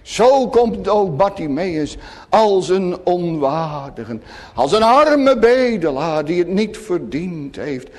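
A man preaching a sermon to his congregation, solemn and emphatic, often dropping to hushed tones. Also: high-pitched, very animated, slow. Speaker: pastor. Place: church. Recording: long church reverb.

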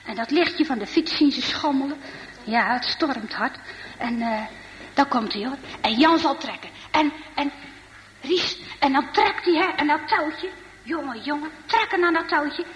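A woman telling a story to children in a lively way, with many asides to her listeners. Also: sits high, unhurried, big-room sound, a little hiss or hum, low-quality recording.

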